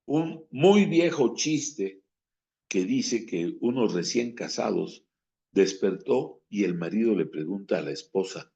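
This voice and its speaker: A man from Mexico teaches breathing and diction in an unhurried, measured way. He stresses key words and acts out lines to show phrasing. The sound is muffled and lo-fi. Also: fairly low pitch, a little mellow. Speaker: speaking coach. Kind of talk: instructional talk on voice and diction. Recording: dull lo-fi recording.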